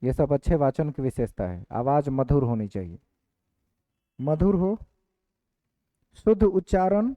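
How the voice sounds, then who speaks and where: A male teacher giving an online exam-prep class, dictating points slowly and repeating each one. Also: mid-range voice, very animated, dark tone, no echo. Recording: dry, phone-like lo-fi audio.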